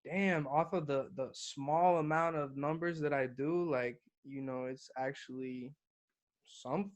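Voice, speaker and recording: A man's voice: mid-range voice, steady tone, unhurried. A young man from Guatemala, a hip-hop artist, talking casually as a podcast guest, swearing freely and calling the host bro. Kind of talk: casual interview chat.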